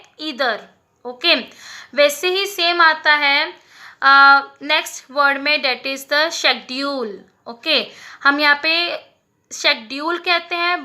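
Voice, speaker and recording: A woman teacher giving a recorded lesson, explaining slowly and repeating words as she checks that students follow. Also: high voice, bright, forceful tone. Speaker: school English teacher.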